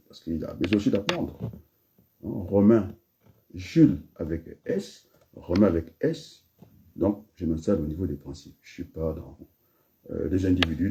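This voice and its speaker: A man's voice: low voice, dark tone, highs cut off, a little hiss or hum. A man from the Republic of the Congo giving a freewheeling spoken address, rambling from one aside to the next with frequent restarts. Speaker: speaker.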